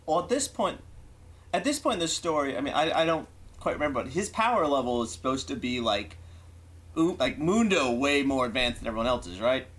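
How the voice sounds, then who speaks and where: A man's voice: mid-range voice, sing-song, a little fast, a bit bright. A man co-hosting a podcast, asking questions in casual chat with hesitant restarts. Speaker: podcast co-host.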